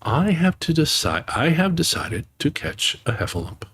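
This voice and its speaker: A man voicing a slow, earnest, simple-minded stuffed bear for a storybook reading. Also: on the high side, big pitch swings, fairly bright tone, breathy edge, pitched above the performer's own voice, full character voice. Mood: solemn.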